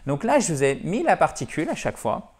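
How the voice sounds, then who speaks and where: A man's voice: fairly high pitch, sing-song, fast talker, darkish tone. A man teaching an English lesson, explaining patiently and often checking that students follow. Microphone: camera.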